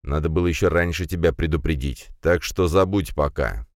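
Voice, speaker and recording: A man voicing a gruff, bossy male investigator disguised as a stout woman, in an audiobook. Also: a bass voice, a little fast, no room sound, studio quality. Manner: grumbling, bossy. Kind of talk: audiobook character voice.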